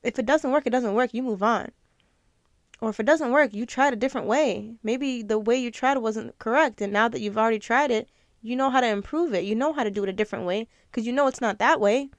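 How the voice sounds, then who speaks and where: Earnest gravelly-voiced young woman podcaster. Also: fairly high pitch, brisk, dry recording. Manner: earnest and emotional, near tears. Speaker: podcast host. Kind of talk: casual motivational talk.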